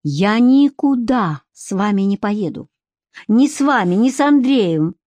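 A woman's voice: medium pitch, lively intonation, a little slow, darkish tone, dry recording, studio quality. A woman reading as a weary, defiant young woman who speaks with cutting irony. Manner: ironic and cutting, flares into anger.

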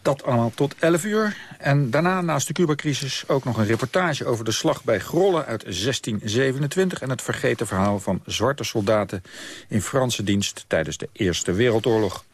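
A man's voice: mid-range voice, lively intonation, moderate pace. A man hosting a radio programme, presenting and introducing the topics to listeners. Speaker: radio host. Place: radio studio.

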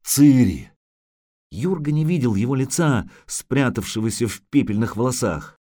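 Male audiobook reader, dramatic and expressive, dry close mic. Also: mid-range voice, moderate pace, no room sound.

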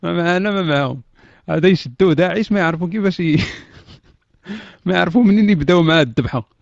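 A man's voice: high-pitched, quick pace, vocal fry, no echo. A man with a Moroccan accent hosting an online voice chat room, teasing the people he talks to, laughing often and dropping in French words. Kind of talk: casual chat. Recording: dull, dry lo-fi voice chat audio.

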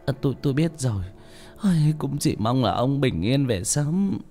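A man's voice: mid-range voice, lively intonation, normal speed, mellow, faint music behind, pitched above the performer's own voice. A man voicing an anxious elderly wife who pleads with her husband in a worried voice, in an audiobook.

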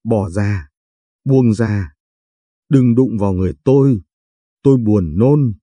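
A man's voice: fairly low pitch, slow, no echo. A man voicing a furious betrayed young wife. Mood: enraged. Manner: shouting accusations.

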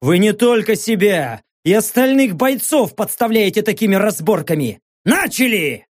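Guy doing a tough cussing commander barking orders, slow and punchy, dry sound. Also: very high-pitched, very animated, no echo, pitched above the performer's own voice, full character voice. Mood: angry. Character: foul-mouthed tough male commander.

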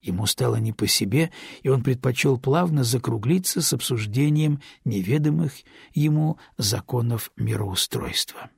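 A man calmly narrating a novel as an audiobook reader. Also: medium pitch, normal speed, creaky, breathy edge, no room sound, studio quality. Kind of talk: scripted narration.

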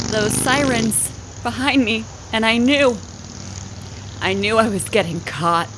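A woman telling an improvised comic story in a halting, dramatic way, often repeating phrases. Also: on the high side, noisy background.

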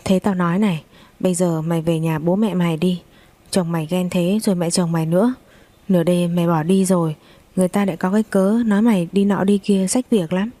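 A woman's voice: lowish voice, steady tone, fairly quick, warm tone, dry recording, close to an everyday voice. A woman voicing a blunt but caring older female friend on the phone in a story reading. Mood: concerned. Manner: blunt, direct.

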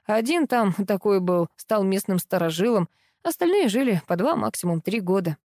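A woman reading a calm, quietly bitter grown son. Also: medium pitch, normal speed, no room sound, studio quality, close to an everyday voice.

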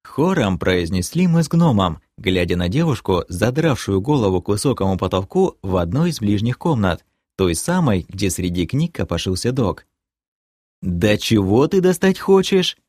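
A man narrating an audiobook with a lively, swinging pitch. His voice sits mid-range and sounds close and dry, with no room around it. He tells the story in the first person with brisk energy. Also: no room sound.

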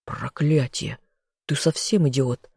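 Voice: medium pitch, steady tone, slow pace, gravelly, a little mellow, breathy edge, dry recording, studio quality, full character voice. A reader voicing a proud, protective elf nobleman in a fantasy audiobook. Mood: angry.

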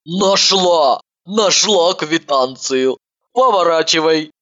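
Чтица озвучивает Иванову, суетливую рассеянную женщину-патологоанатома, говорящую ниже и медленнее, резко и грубовато. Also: female voice, fairly low pitch, takes it slowly, a bit bright, muffled recording. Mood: flustered. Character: brash, fussy woman, a scatterbrained forensic doctor.

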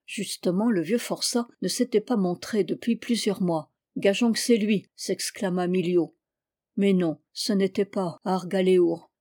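A woman narrates an old folk tale in a steady storytelling voice. Her tone is mellow and dark, at a middle pitch. She lifts her voice when quoting characters' calls. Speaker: audiobook reader.

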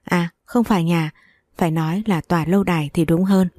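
A woman narrating a first-person story in a calm, measured reading voice. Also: fairly low pitch, no echo.

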